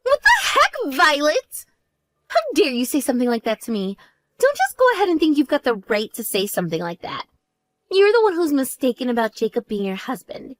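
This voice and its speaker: A woman's voice: sits high, big pitch swings, a little fast, dry recording. Woman voicing a vain, taunting younger sister. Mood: indignant. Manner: boastful, taunting, indignant. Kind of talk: voiced text story dialogue.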